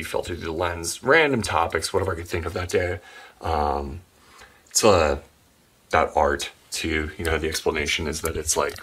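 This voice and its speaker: Sleepy deep-voiced man, gravelly and hushed. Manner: low sleepy late-night voice, many ums and uhs. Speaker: channel host giving a room tour. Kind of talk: rambling home tour narration. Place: home game and art room, indoors.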